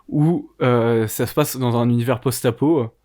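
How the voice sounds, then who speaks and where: A man's voice: medium pitch, steady tone, a little slow, mellow. A man co-hosting a podcast, casually and enthusiastically recommending shows, with frequent fillers and restarts. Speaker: podcast co-host.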